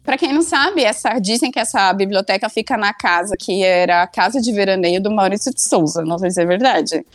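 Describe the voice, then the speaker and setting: A woman's voice: medium pitch, a little fast, no room sound, faint music behind. A young woman tells a funny story casually, acting out her own lines. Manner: animated, acts out her own past lines.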